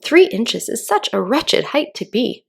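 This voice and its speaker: A polite storybook little girl, voiced by a woman, earnest and hesitant, quick to feel slighted. Her voice is pitched a bit up from plain narration, with a husky, creaky edge. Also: very animated, heavily acted. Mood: pleading. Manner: proper and hesitant. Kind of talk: children's storybook read-aloud.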